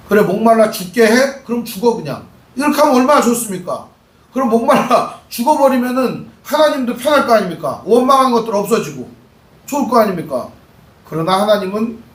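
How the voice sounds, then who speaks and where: A male pastor preaching a lively sermon, asking the congregation questions and acting out voices. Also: sits high. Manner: animated preaching, acts out quoted voices, asks the congregation questions. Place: church sanctuary. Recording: echoey church hall, mic at a distance.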